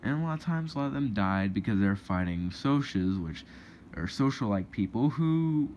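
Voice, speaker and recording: Young male vlogger, indignant rambling rant, fairly low voice, faint hiss behind. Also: animated, moderate pace, darkish tone. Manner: rambling and indignant, many restarts. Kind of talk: casual opinion rant to camera. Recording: dull lo-fi with faint noise.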